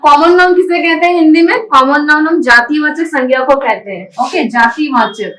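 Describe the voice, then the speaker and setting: A woman's voice: high voice, moderate pace, fairly bright tone. A woman teaching a spoken English class. She spells words out letter by letter, breaks them into syllables and keeps checking that her students are following. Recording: echoey room, voice picked up from a distance.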